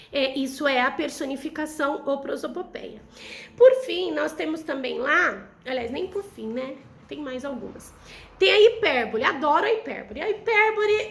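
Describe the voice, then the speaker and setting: A woman's voice: high voice, gravelly, a bit bright. A young adult woman with a Brazilian Portuguese accent, teaching a recorded literature lesson to ninth graders and often checking in with them through "né?". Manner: chatty, addresses students directly with frequent "né?".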